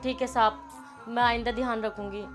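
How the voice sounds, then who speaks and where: A woman's voice: on the high side, fairly even intonation, normal speed, faint music behind, lightly acted. A woman playing a humble housemaid who defends herself in a meek, pleading way. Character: humble young female housemaid, hurt but firm. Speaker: maid. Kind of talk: short film acting.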